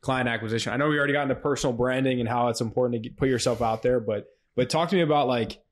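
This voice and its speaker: A man's voice: medium pitch, very fast. A man in a mid-range voice hosting a casual podcast interview. He asks long, loose questions, circling back with "like" and "you know" before getting to the point. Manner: relaxed, hesitant questioning with fillers. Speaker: podcast co-host.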